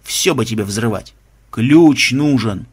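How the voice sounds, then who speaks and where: A man's voice: medium pitch, animated, slow, breathy edge. A man voicing a skeptical, grumbling male game tester in an audiobook. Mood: scolding. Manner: grumbling, scolding.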